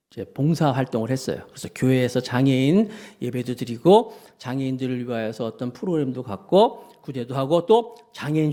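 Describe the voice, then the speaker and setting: A male pastor giving a lively sermon, acting out grumbling voices and asking his congregation questions. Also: a little high.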